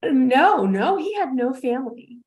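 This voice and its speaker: A woman doing a shrill, excitable bar patron. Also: measured pace. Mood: musing. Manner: shrill, swooping exclamations. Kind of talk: amateur script read.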